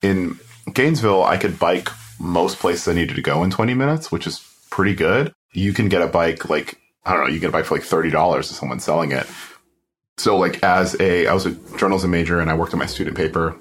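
Deep-voiced man, easygoing and rambling. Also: fairly quick, breathy edge. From South Florida, US. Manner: relaxed, rambling, heavy use of "like". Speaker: guest photographer. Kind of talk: casual interview chat.

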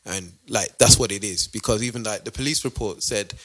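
A young man giving opinions in casual chat, haltingly, repeating words and often saying like. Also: on the low side, a bit bright, slight background noise. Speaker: podcast co-host.

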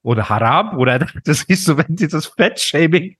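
A man's voice: fairly high pitch, lively intonation, moderate pace, a bit bright, breathy edge, dry recording, clean studio sound. A man hosting a podcast, ranting in a mock-serious, ironic tone in casual chat. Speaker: podcast host.

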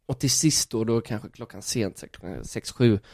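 A man telling stories in a casual podcast chat, animated, swearing casually and acting out the quotes. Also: fairly low pitch, vocal fry, no room sound, studio quality.

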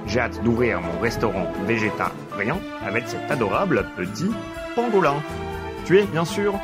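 A man playing an eccentric, self-important father who fancies himself a detective, leaving a rambling voicemail. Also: lowish voice. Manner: rambling, pompous, absurdly earnest monologue. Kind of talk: comedic voicemail sketch. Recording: music playing underneath.

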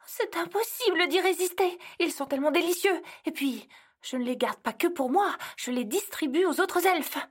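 A woman's voice: very high voice, animated, moderate pace, voice pushed up. A woman voicing an anxious, cautious female Christmas elf who worries constantly. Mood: worried. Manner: worried, fretful.

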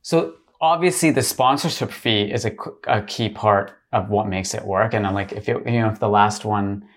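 A man's voice: fairly low pitch, moderate pace. A middle-aged man hosting an interview, asking long probing questions with restarts and plenty of "you know" and "kind of". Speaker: interviewer, podcast host. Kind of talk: conversational interview.

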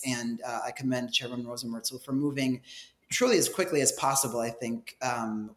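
A man's voice: medium pitch, a bit bright. Man in a roomy, echoey recording. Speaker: policy director, interview guest. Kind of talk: conversational interview answers.

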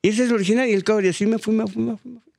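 An older man with a Mexican accent, a DJ telling stories in a casual studio interview, slangy and animated. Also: high voice, very fast, vocal fry, no room sound. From Mexico City. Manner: animated, slangy, acts out quoted voices. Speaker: DJ guest. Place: radio studio.

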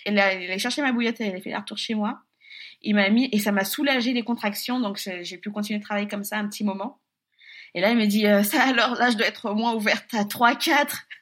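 A young woman telling a personal story in casual chat, lively, laughing often and swearing offhandedly. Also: mid-range voice, quick pace.

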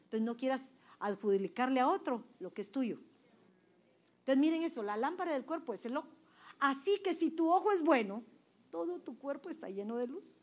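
Her voice sits high and her intonation is lively, at a moderate pace. Speaking to a women's church group, this woman preaches emphatically, quizzes her audience, and alternates between loud and soft delivery.

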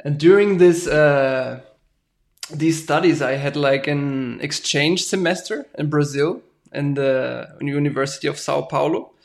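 A man, a farmer guest talking casually and haltingly, often ending with "right?". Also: on the high side, vocal fry. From Germany. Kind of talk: casual interview talk.

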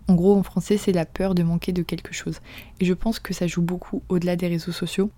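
A young woman hosting a podcast in a casual confessional monologue, chatty and slangy, often dropping into soft whispered asides. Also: lowish voice, flat delivery, brisk. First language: French. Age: young adult. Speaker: podcast host.

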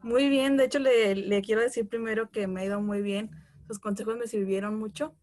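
A woman's voice: fairly high pitch, fairly even intonation, brisk, darkish tone. Chatty young Mexican woman caller. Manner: chatty, rambling storyteller. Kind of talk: call-in conversation.

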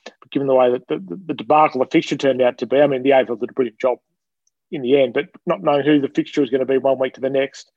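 A man's voice: mid-range voice, steady tone, very fast, darkish tone, no room sound, lo-fi sound. A man with an Australian accent chatting casually as a podcast guest in an understated, conversational way. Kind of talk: casual chat.

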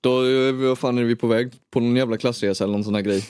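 A man's voice: medium pitch, steady tone, darkish tone, smooth, no echo, studio quality. A young man from Småland co-hosting a podcast, chatting casually with crude, joking remarks and frequent laughter. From Småland, Sweden. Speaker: podcast co-host. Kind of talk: casual chat.

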